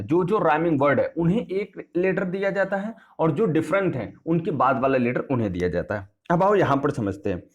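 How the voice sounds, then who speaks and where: A man teaching an English poetry lesson in a classroom style, repeating points and asking and answering his own questions while addressing students familiarly. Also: fairly high pitch. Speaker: English tutor.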